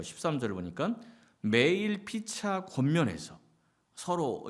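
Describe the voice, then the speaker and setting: Male pastor in a Sunday sermon, middle pitch, animated intonation, question-and-answer preaching style. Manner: asks the congregation many questions and answers them himself; lively, rising and falling delivery with short acted-out quotes.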